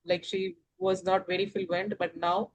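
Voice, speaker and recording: A woman with an Indian accent, an English learner, talking casually about how she practises listening, pausing often with fillers and restarts. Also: lowish voice, little pitch movement, poor audio. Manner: hesitant, many fillers and restarts.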